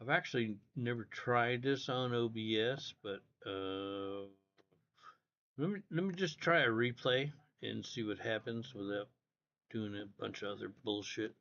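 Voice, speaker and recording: A man's voice: lowish voice, a little slow, a bit bright, lo-fi sound. A man hosting a livestream, telling a rambling, profane story in casual chat. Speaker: livestream host.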